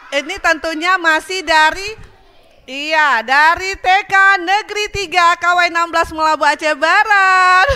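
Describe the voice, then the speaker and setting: Brief: young woman kids' radio host, high bright voice, cheerful and coaxing. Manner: cheerful, coaxing, talks to small children. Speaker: children's radio show host. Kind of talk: lively children's radio hosting. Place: radio studio with children present.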